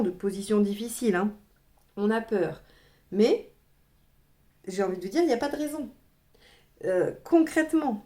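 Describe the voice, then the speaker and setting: Mellow-voiced woman giving a tarot reading. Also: mid-range voice. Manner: chatty, addresses viewers directly, frequent "hein" asides. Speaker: tarot reader. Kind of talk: casual tarot reading to viewers.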